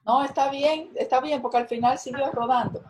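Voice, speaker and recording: A woman's voice: sits high, fairly even intonation, a little fast, darkish tone, a little hiss or hum, rough recording. A woman teacher giving an online class on a video call, explaining and correcting student work with encouragement. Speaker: university teacher.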